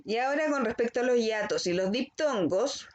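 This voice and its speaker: A woman teacher giving a recorded language lesson to children. She explains slowly and carefully and keeps checking in with the class. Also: fairly high pitch, animated, highs cut off, slight background noise. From Chile.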